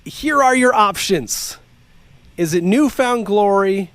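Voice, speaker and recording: A man co-hosting a podcast, playing a casual song-guessing game and teasing his friend, with frequent laughter and slow dramatic lyric readings. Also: high voice, expressive, a bit bright. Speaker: podcast co-host.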